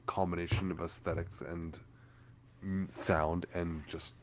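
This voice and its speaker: A man from Canada co-hosting a podcast in casual chat, laid-back with quick quips. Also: low voice, little pitch movement, slight background noise. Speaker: podcast co-host.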